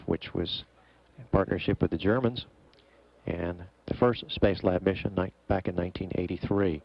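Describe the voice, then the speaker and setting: A man with a very low voice and plenty of fry gives mission commentary. He explains things in a formal, measured way. The sound is a little dull and muffled. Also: dry recording. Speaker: mission operations public affairs commentator. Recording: dull, muffled broadcast feed.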